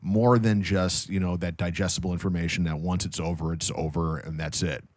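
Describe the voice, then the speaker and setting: A podcast guest with a radio background chats casually, explaining things emphatically, repeating himself for effect, and swearing. His voice sits low and steady, brisk and a little mellow, with no echo.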